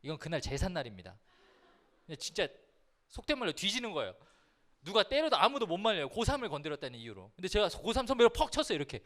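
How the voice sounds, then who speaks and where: Animated, high-voiced man preaching to teens. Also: fast talker. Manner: lively, humorous, addresses listeners directly. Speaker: youth pastor. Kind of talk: storytelling sermon to teens.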